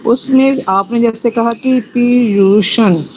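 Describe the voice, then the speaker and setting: Hindi accent woman student, polite slow question, bit of background hiss. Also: fairly high pitch, darkish tone, lo-fi sound. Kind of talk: asking a question in an online class.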